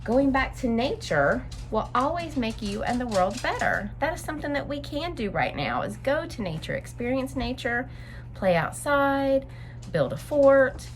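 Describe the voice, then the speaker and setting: Her voice sits high as this woman hosts story time. In an expressive, instructive way, she reads aloud and explains things simply to young listeners.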